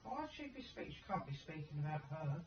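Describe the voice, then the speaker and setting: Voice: medium pitch, sing-song, fast talker. A panel guest on a heated live chat, arguing scornfully and angrily. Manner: scornful and argumentative. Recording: distant, echoey, lo-fi with crowd noise.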